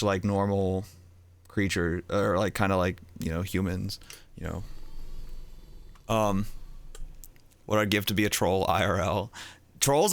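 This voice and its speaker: A man's voice: fairly low pitch, a bit bright, smooth, no room sound. A young man streaming a game, chatting casually and rambling, getting distracted as he goes. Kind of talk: casual gaming chat.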